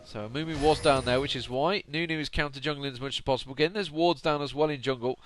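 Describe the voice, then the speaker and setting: A tired man with a mid-range voice talks fast, rambling chattily through solo play-by-play of a video game late at night and often correcting himself. He's an esports commentator, and steady noise runs under his voice.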